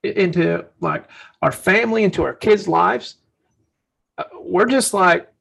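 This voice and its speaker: Earnest man with a high, gravelly voice. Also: a little slow, a bit bright, low-quality recording. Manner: earnest, storytelling, acts out quotes. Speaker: podcast co-host. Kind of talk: casual faith-based parenting talk.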